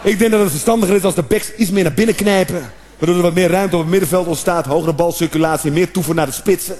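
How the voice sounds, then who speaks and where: A man doing a stand-up comedy routine, animated, with sudden shouted outbursts and acted-out noises. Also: high voice, fast talker.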